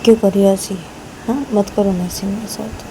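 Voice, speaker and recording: A woman's voice: medium pitch, steady tone, normal speed, noisy background, close to an everyday voice. A woman voicing a young woman in a lovers' quarrel, first begging forgiveness, then scolding and pressing with repeated questions. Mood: pleading. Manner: keeps asking "haan?" insistently.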